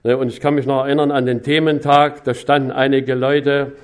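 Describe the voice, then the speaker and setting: A man's voice: mid-range voice, level tone, a little fast, clear, resonant tone. Man giving a folksy mission report. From Saxony. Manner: folksy, with frequent tag questions; swings between loud emphasis and soft asides. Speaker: missionary preacher.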